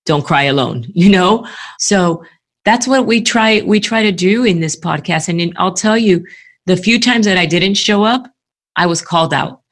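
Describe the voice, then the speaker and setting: Woman podcast guest, candid and reflective, notably low voice. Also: animated, moderate pace. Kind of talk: casual podcast conversation.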